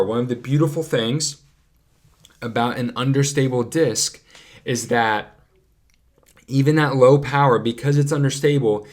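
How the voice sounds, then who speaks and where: A man hosting a disc golf podcast, talking casually and explaining patiently with frequent fillers and self-corrections while checking his notes. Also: medium pitch. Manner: reads from notes. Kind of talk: casual instructional talk.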